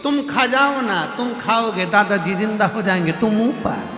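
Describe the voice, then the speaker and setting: A man's voice: high-pitched, moderate pace, fairly bright tone, voice pushed up. A man voicing a small grandson in a childlike, pleading way. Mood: cheeky. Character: small grandson, innocent and cheeky. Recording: echoey hall with faint music.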